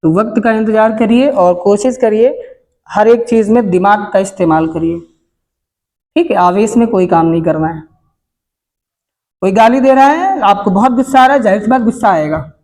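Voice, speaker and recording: A man's voice: sits high, moderate pace, a little mellow. A man who teaches at a coaching institute, speaking in Hindi with a north Indian accent as he gives his class earnest, moralizing life advice and keeps putting rhetorical questions to them.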